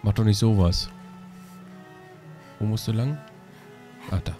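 A man hosting a let's play, commenting casually on his gameplay in a relaxed, chatty way. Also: on the low side, a little slow, over music. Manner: relaxed, chatty, tag questions.

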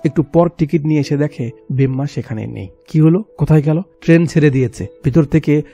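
Mellow-voiced man narrating a film plot. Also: a little high, brisk, creaky, soft background music. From Bangladesh. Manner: dramatic, emotional storytelling with asides. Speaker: movie recap narrator.

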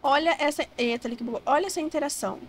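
High-voiced gushing Brazilian woman. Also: racing. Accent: Brazilian Portuguese. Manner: gushing, excitable, says "gente" constantly. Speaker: gaming YouTuber. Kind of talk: casual gameplay commentary.

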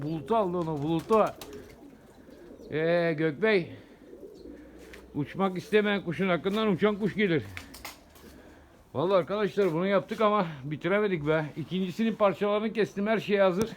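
A man's voice: high-pitched, a little hiss or hum. A man vlogging outdoors at his pigeon loft, talking casually to his viewers, chatty and repeating words as he watches his birds fly.

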